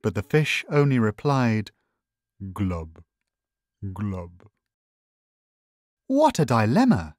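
A reader narrating a children's picture book aloud in a gentle storytelling way. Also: mid-range voice, huge pitch swings, dry recording, studio quality. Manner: slow, lilting storytelling.

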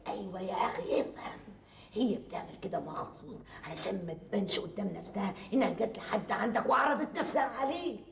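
An actress playing a pushy Egyptian mother, talking fast and scolding her son. Her voice sits a little away from the mic in a roomy space, with faint noise behind. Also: mid-range voice, creaky, distant mic, natural voice. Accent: Egyptian Arabic. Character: scheming mother pushing her son to marry. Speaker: actor in TV drama.

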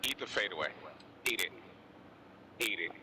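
A man playing a basketball video game, chatting casually, teasing and bursting into loud cheers, speaking into a Bluetooth headset. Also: lowish voice, expressive, moderate pace, slightly rough, low-quality recording. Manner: playful trash talk, loud outbursts. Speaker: gamer playing with a partner. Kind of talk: casual gaming chat.

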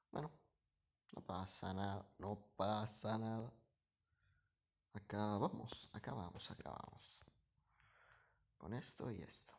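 A man talks over his own gameplay in a running commentary. He drops to mutters between moves and jumps up in energy whenever the action swings, repeating short phrases as he goes. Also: fairly low pitch. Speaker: gaming streamer.

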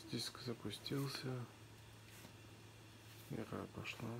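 A man giving a plain, unscripted product demonstration in halting short phrases, recorded on a handheld phone in a shop. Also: medium pitch, vocal fry, background noise. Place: indoors, electronics shop. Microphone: handheld phone behind camera.

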